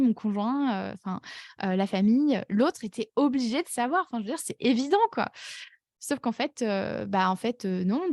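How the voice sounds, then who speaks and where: A young woman hosts her own coaching podcast, talking in a loose, personal way. She fills her sentences with hesitations and corrects herself as she goes. Her voice sits at an ordinary middle pitch and sounds dry and close, with no room sound. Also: mellow, no echo. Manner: chatty, many fillers and self-corrections. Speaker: life coach and podcast host. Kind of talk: casual personal podcast monologue.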